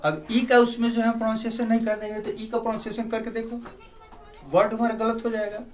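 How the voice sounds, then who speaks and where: A man's voice: high voice, monotone, fast. An Indian man teaching a spelling lesson, switching between Hindi and English and repeating words to drill their sounds. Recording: distant mic, faint background noise.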